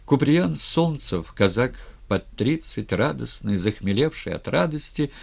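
A man narrating a historical novel as an audiobook in a measured, expressive storytelling manner. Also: mid-range voice, gravelly.

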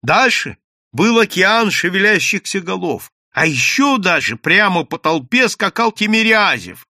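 A man reading an audiobook story aloud in an expressive, dramatic way. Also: high voice, measured pace, no echo, clean studio sound. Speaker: audiobook reader.

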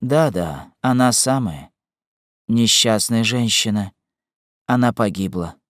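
A grave young man answers his accusers calmly, with more sorrow than anger, as a male reader plays him. His delivery is slow, and his pitch still moves a lot. The voice is dry and close. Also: no room sound. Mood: pleading. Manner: grave, restrained.

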